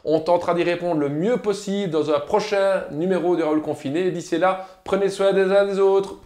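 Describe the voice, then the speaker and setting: A man's voice: high voice, fairly even intonation, moderate pace, darkish tone. A man with a Liège accent, a politician giving an emphatic video message to viewers and asking rhetorical questions. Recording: roomy echo.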